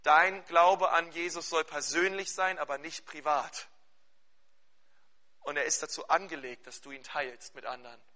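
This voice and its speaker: A male pastor preaching with a high voice and a very bright, forceful tone. He talks animatedly and keeps checking in with his listeners. He also leads a fervent spoken prayer. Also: moderate pace. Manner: animated preaching with questions to the congregation. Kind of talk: sermon.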